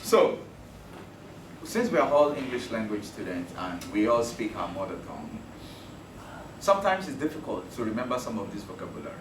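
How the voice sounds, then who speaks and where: Recorded from a distance in a roomy classroom with background noise, a Yoruba-speaking man teaches math with jokes and frequent checks that students are keeping up. His fairly low voice has a sing-song quality and a moderate pace.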